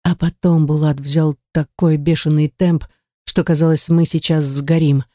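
Mellow-voiced woman reading an audiobook. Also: low-pitched, little pitch movement, measured pace, no echo, clean studio sound. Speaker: audiobook reader. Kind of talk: first-person erotic audiobook narration.

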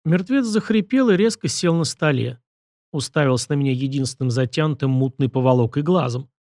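A man's voice: medium pitch, expressive, fairly quick, darkish tone, dry recording. Man narrating an audiobook, dry close sound. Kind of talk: first-person audiobook narration.

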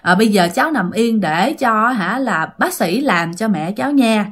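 A woman voicing a calm young male surgeon who gently reassures a patient. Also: mid-range voice, normal speed. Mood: reassuring.

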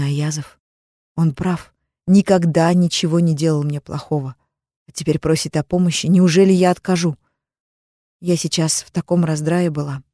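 A woman reading a first-person audiobook in a soft, even, intimate manner. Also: fairly low pitch, dry recording, studio quality. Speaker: audiobook narrator.

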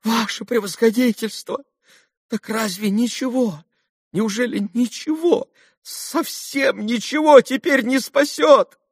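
Desperate pleading captain, shrill, high-pitched, imploring, storybook reading. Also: male voice, expressive, moderate pace, pauses often, slightly rough, dry recording, studio quality, full character voice. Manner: frantic, imploring. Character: desperate poor male army captain, pleading.

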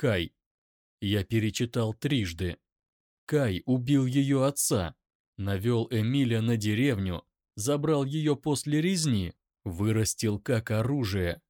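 A man's voice: medium pitch, expressive, slow pace, darkish tone, no room sound, studio quality. A man reading a first-person story aloud as an audiobook narrator, with dramatic delivery.

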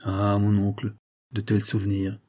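A man's voice: on the low side, monotone, measured pace, dark tone. A man voicing a scheming viscount who speaks in a falsely earnest, polished way. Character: scheming young male viscount, feigning devotion.

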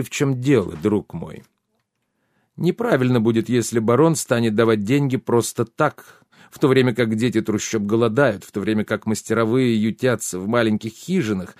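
A man's voice: medium pitch, a little mellow, no room sound, studio quality, lightly acted. A man voicing a jovial, sly, plump baron who talks effusively in an audiobook. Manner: effusive, exclamatory, fawning.

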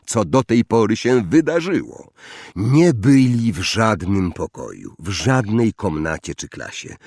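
A man narrating an audiobook in an expressive storytelling manner. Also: on the low side, no echo, studio quality. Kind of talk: scripted narration.

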